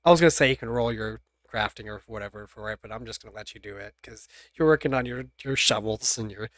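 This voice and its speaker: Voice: mid-range voice, quick pace, no room sound, studio quality. A game master narrating a tabletop role-playing game in a casual chat, laughing often between lines. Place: home streaming setup.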